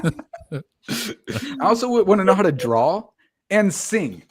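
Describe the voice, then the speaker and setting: Talk-show host, man in his mid 30s, upbeat, a touch high, lively up-and-down delivery. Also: background noise. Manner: upbeat, quick to laugh. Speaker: podcast host. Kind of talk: casual chat.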